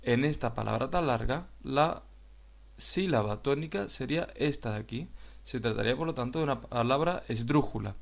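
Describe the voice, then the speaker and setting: A man with a Spain Spanish accent explains a grammar point in a video lesson. His voice has a gravelly, creaky texture at a middling pitch. He talks slowly and patiently and speaks straight to his viewers. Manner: slow, explanatory, addresses viewers directly. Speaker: teacher.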